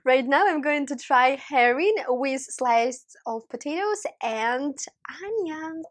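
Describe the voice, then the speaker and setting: A young woman talks at an unhurried pace as she samples dishes for her vlog. Her voice sits fairly high, and she keeps humming and praising the food with open enthusiasm. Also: lively intonation. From Ukraine. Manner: enthusiastic, savoring food with many appreciative hums. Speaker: vlog host. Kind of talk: casual food-tasting vlog.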